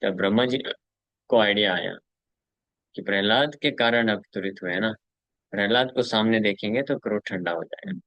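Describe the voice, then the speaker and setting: A man teaching a scripture class, telling devotional stories with animated storytelling and chuckles between his points. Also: fairly low pitch, moderate pace, pauses often, dry recording, dull audio. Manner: animated storyteller who acts out quotes.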